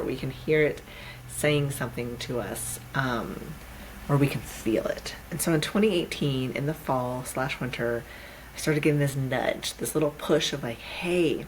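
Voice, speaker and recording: Low-voiced woman hosting a reflective podcast. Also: a little hiss or hum, poor audio. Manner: candid, reflective, with fillers and self-corrections. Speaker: podcast host. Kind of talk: unscripted solo podcast talk.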